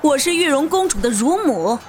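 Vengeful middle-aged nurse, high-pitched and manic, voiced by a male narrator; slow and mocking, with big swings in pitch. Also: sing-song, faint music behind. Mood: accusing shrill. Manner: shrill, mocking, manic laughter. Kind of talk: audiobook character voice.

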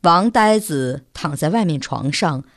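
A woman storyteller reading with an expressive, animated delivery. Her pitch moves freely as she follows the story. The recording is dry and close, with no room sound. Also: unhurried, dry recording.

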